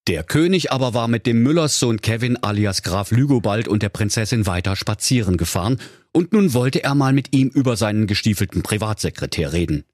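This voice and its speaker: A man's voice: lowish voice, a little fast, no echo, studio quality. Man reading a comic fairy tale. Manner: playful, expressive storytelling. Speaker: narrator.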